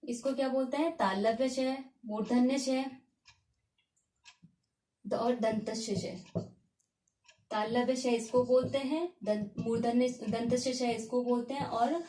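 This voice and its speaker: Lady teacher going over stuff, repeats every term twice, kinda high voice, roomy echo. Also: steady tone, unhurried, pauses often, warm tone. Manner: repeats key terms and asks herself questions. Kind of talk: classroom-style lesson. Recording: echoey room.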